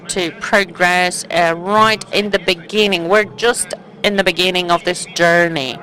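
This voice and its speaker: Female conference interpreter, mid-range voice, unhurried and halting delivery. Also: medium pitch, fairly bright tone, poor audio. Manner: halting, broken-up phrasing with pauses mid-sentence. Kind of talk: live simultaneous interpreting.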